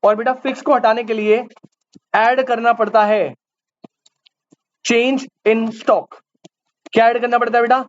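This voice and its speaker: This male teacher's pitch is extremely high, and he talks a little fast in a level tone while leading a live commerce class. He quizzes students again and again, echoing key terms back to them. The sound is dull lo-fi with a faint hiss.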